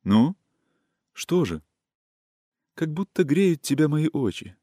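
A man's voice: a little high, very animated, slow pace, no room sound, clean studio sound, voice pushed up, exaggerated voice. A man voicing a tender, soothing young woman. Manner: soft, caressing, sing-song folk speech.

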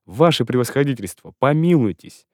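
A man's voice: medium pitch, animated, moderate pace, no echo, studio quality, lightly acted. Give me a man playing a timid, fearful young clerk in a storybook. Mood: fawning. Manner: fearful, fawning.

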